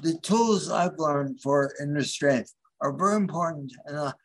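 In an interview, a guest from around Philadelphia talks with a voice on the high side. His speech is halting, full of restarts while he searches for the right words.

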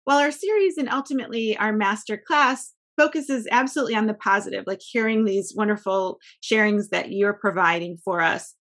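A woman's voice: mid-range voice, fairly quick, few pauses, a bit bright. A woman co-hosting a podcast, thanking her guest and asking a question in an encouraging, affirming way. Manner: encouraging and affirming, with small restarts. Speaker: podcast co-host. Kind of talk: interview hosting.

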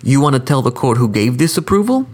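A man's voice: mid-range voice, sing-song, fast talker. A man voicing a blunt male prosecutor with a thick Bronx accent, firing challenging questions.

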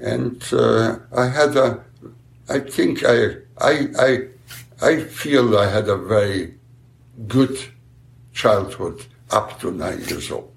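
A man in his nineties from Galicia, answering interview questions haltingly and repeating words as he searches for them. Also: lowish voice, creaky, roomy sound. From Galicia, then Poland, now Ukraine. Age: 90s. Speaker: interviewee, survivor. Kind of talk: slow unhurried answers in an interview.

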